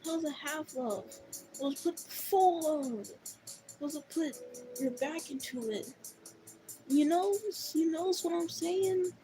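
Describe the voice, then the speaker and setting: A woman's voice: sits high, slow pace, music in the background, poor audio. A woman artist chatting casually and teasingly while she draws, giggling and tripping over repeated words. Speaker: artist streaming a drawing session. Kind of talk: casual chat while drawing.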